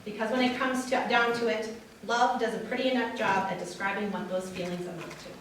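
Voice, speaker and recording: As a performer in a wedding reader's theater, a woman reads a love letter aloud in a steady, brisk, slightly bright mid-range voice. The mic is far away, so the room sounds echoey with faint noise.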